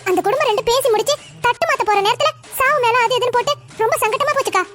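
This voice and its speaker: A woman's voice: extremely high pitch, rapid-fire, music in the background, voice pushed up. A woman voicing an anxious, hesitant neighbor woman in a cartoon family drama, who stammers and pleads.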